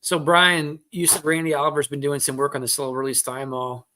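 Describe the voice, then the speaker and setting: A man's voice: on the high side, little pitch movement, brisk, bright, forceful tone. A man hosting a casual live chat show, rambling and teasing as he reads out viewer comments. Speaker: host.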